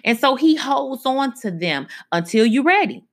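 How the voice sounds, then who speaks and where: A woman hosting a faith-based radio talk, preaching conversationally and slowing down for emphasis. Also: sits high, big pitch swings. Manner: conversational preaching, slows down for emphasis, frequent asides. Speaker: radio show host.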